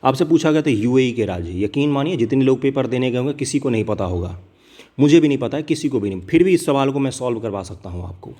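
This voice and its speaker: A man talks through an exam paper with his students in an earnest, direct way. His voice is mellow and warm, at a middling pitch. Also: expressive, fast. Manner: earnest, direct, addresses viewers as brothers. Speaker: exam coaching teacher. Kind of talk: casual exam paper discussion.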